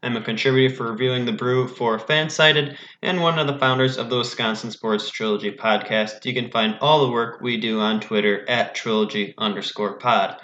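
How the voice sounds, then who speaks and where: Bright-voiced American man, distorted roomy mic. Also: medium pitch, fairly even intonation, normal speed, few pauses, dull audio. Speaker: podcast host. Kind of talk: sports podcast chat and game recap. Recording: distorted damaged microphone, roomy echo.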